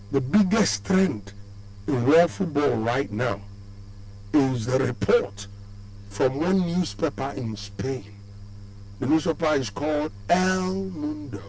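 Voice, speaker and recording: A man with a Nigerian accent and a baritone voice, hosting a sports show on radio in a lively, sing-song way, with many fillers and restarts. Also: rough recording. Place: radio studio. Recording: radio stream with faint hum.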